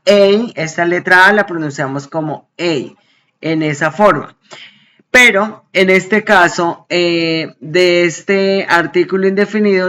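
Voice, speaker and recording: A woman English teacher explaining grammar in an online class, patient and explanatory, often checking in with quick questions. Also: on the low side, fairly bright tone, a little hiss or hum.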